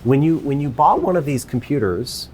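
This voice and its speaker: A man's voice: mid-range voice, lively intonation, moderate pace, a little mellow, a little hiss or hum. A man in his forties, an interview guest, explaining his ideas thoughtfully in casual conversation with frequent restarts.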